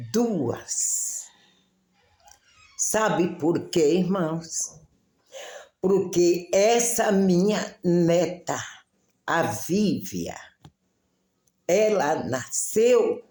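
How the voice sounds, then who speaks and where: A woman's voice: fairly low pitch, warm tone, roomy sound. A middle-aged woman giving a religious testimony in church, telling her story with feeling and acting out the dialogue.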